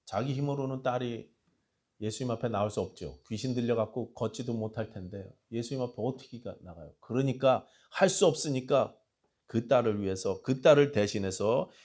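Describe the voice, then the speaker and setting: A male pastor delivers a sermon in a church sanctuary, his voice sitting at a middle pitch. He moves between quiet, confiding asides and loud, impassioned cries, and he reads scripture aloud along with the congregation. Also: normal speed.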